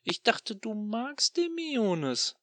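A man voicing a sadistic, mocking male machine demon in an audio drama, taunting in a drawn-out, sing-song way. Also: high voice, big pitch swings, fairly bright tone, no room sound, pitched above the performer's own voice, full character voice.

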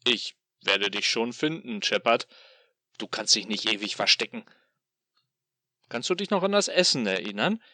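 A man voicing a sadistic, mocking male machine demon in an audio drama, taunting in a drawn-out, sing-song way. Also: on the low side, expressive, sharp tone, dry recording.

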